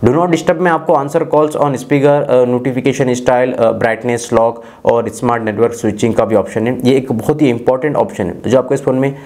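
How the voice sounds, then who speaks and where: A tech reviewer and channel host in his twenties with an Indian accent walks through phone features step by step in a scripted-sounding way, mixing in English technical terms. His medium-pitched, darkish voice keeps a fairly even intonation at normal speed, with hardly any pauses.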